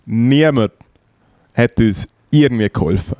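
A man's voice: mid-range voice, unhurried, no echo. Swiss German man telling profane stories. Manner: profane, animated anecdotes with quoted voices. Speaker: podcast co-host, band tour manager. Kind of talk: casual banter, storytelling.

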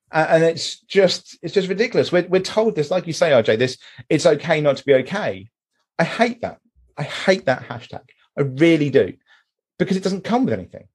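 A man's voice: fairly high pitch, slightly rough. A British man in a casual discussion, ranting emphatically and swearing now and then. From Britain. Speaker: podcast host, mental health charity chair.

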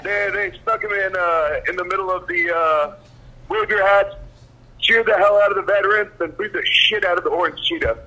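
A man's voice: sits high, steady tone, normal speed, sharp tone, lo-fi sound, slight background noise. A man calling in and heard through a phone on speaker, chatting casually and swearing freely. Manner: laid-back, swears freely. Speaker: caller. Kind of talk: casual call-in chat.

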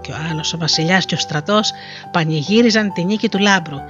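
A storyteller reading a fairy tale aloud with lively delivery, on a dull lo-fi recording with faint music behind. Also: medium pitch.

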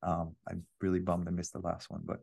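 Low gravelly-voiced male podcast host. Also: monotone, a little fast, a little mellow. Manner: laughs often, chatty and upbeat. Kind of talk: casual interview chat.

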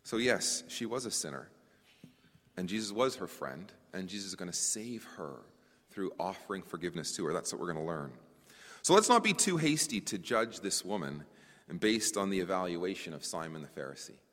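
A man preaching a conference sermon to brothers and sisters, animated, often repeating words as he searches for the phrasing. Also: low voice, normal speed. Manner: addresses listeners as brothers and sisters. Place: conference hall. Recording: long hall reverb.

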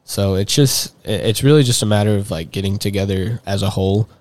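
A young Texan with a drawl, appearing as a guest, rambles through casual chat, leaning heavily on fillers and restarting his sentences. His slightly low, darkish voice moves a little fast and is captured close and dry, with no echo or room sound.

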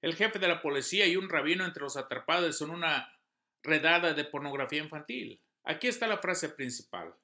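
A man's voice: a little high, lively intonation, a little fast, sharp tone. A man giving an earnest devotional sermon, reading scripture and news with emphasis. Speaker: preacher.

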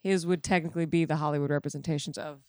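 Low-voiced eager woman writer. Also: steady tone, very fast, a little mellow, clean tone, dry recording, studio quality. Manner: eager, questioning, laughs. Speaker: podcast writer. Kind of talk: casual panel chat.

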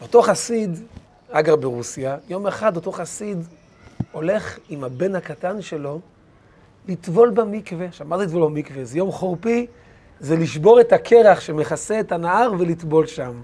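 A man, a rabbi, teaching a lesson through animated anecdotes, with hesitant fillers. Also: fairly high pitch, slight background noise. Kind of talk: storytelling lesson.

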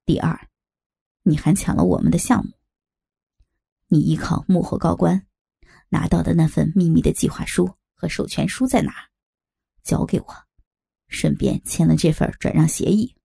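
A composed male crime boss played by a woman narrator who delivers his threats slowly and evenly. The voice sits low and gravelly, dark in tone and slightly husky, with a dry, close sound. It suits an audiobook villain who never needs to raise his voice. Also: no room sound, heavily acted. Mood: coolly menacing. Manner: calm, measured threats. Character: cold calm male gang boss, menacing. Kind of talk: audiobook character voice.

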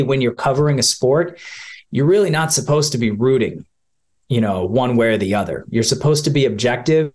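A man in his forties, a sportscaster from Ohio, talks through his career in a casual interview. He tells stories in a chatty, easygoing way with a middle-range voice. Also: medium pitch. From Ohio, USA. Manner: chatty, warm storytelling with laughs. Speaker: sportscaster guest.

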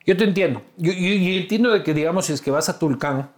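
A man with an Ecuadorian accent and a high-sitting voice talks fast as host of a casual, slangy interview. He probes and teases his guest, often circling back over his words as he shapes a question.

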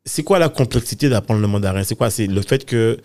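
A man interviewing a guest in casual conversation, curious and quick to react and sum up what he hears. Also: on the low side, darkish tone.

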